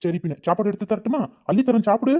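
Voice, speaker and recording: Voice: mid-range voice, very fast, close to an everyday voice. Voice actor doing a caring elder brother. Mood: coaxing. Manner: coaxing, soothing. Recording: dull lo-fi recording.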